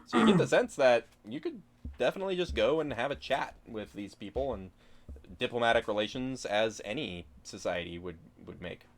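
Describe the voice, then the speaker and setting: A man's voice: medium pitch, animated, brisk. A man acting as game master, improvising tabletop narration in a casual, hesitant, explanatory way.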